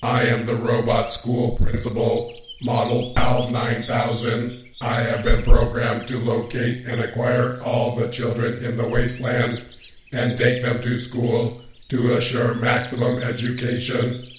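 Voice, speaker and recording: An actor voicing a stiff, officious robot school principal in a comedy audio drama, formal and mechanical. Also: male voice, lowish voice, music in the background, lightly acted. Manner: formal, monotone, mechanical, deliberate. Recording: echoey, distant, noisy background.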